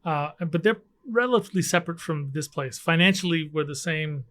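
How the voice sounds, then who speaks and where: A man's voice: a little high, a little fast, a bit bright. A middle-aged man from Canada, a guest scientist talking casually in an interview, hesitant with many fillers and restarts, recorded in an office. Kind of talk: conversational interview. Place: office with air conditioning hum.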